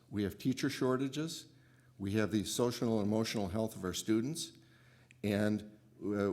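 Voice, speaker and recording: A middle-aged man giving a relaxed closing statement as a school board candidate in a city hall auditorium. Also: on the low side. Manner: relaxed, with small restarts and fillers.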